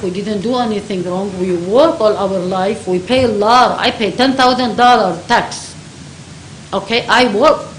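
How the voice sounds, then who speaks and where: A woman's voice: on the high side, echoey room, slight background noise, low-quality recording. A woman from Lebanon with a Lebanese accent, giving an impassioned public comment at a county board meeting in broken, repetitive English. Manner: emphatic, broken English, repeats herself.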